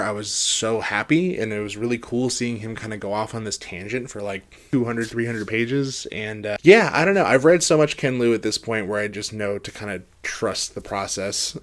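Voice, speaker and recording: A man with a fairly low voice gives a casual, rambling book review. He talks conversationally and hedges a lot, often letting his phrases trail off.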